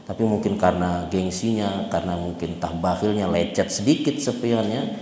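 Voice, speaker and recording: A man's voice: sits low, normal speed. A man giving a mosque sermon. He tells stories and keeps asking the congregation rhetorical questions. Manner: asks the congregation rhetorical questions, lively storytelling. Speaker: Islamic preacher. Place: mosque hall. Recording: echoey reverberant mosque hall.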